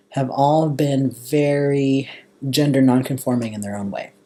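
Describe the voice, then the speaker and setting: A young American man with a slightly husky voice and a valley girl way of talking, chatting casually in a personal vlog. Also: medium pitch, mellow. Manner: valley girl inflection, drawn-out casual phrasing. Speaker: vlogger.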